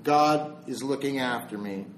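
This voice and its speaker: A man's voice: mid-range voice, unhurried, a little hiss or hum, close to an everyday voice. A man doing a serene trusting old priest. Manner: gentle, polite refusal. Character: devout village priest, calm, unshakably trusting. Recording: roomy echo.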